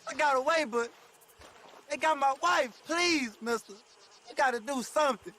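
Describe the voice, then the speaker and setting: A man's voice: very high voice, normal speed, pushed and bright. A man voicing a desperate frontier husband frantically begging a stranger for help. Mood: frantic.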